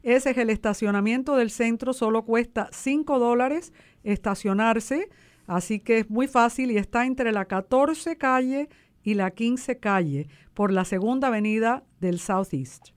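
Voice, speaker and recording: Explaining things in a promotional interview, a woman who founded an arts organization speaks as the guest. Her voice sits fairly high and moves a little slowly.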